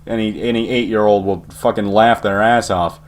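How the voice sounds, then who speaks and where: A man's voice: on the low side, steady tone, normal speed. A young man casually telling a rambling personal story, swearing heavily and chuckling often. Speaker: channel host.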